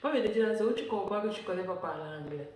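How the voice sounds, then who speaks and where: Woman from francophone africa vlogging, chatty, repeats herself, far from mic in a boomy room. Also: animated, rapid-fire, a little mellow, very echoey. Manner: chatty, repeats words, laughs often. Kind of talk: casual personal vlog talk.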